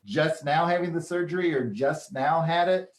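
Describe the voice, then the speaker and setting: A man hosting a casual chat, telling news stories in a relaxed, chatty way with plenty of fillers. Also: fairly high pitch, moderate pace, echoey room. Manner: chatty storyteller with frequent fillers. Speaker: host.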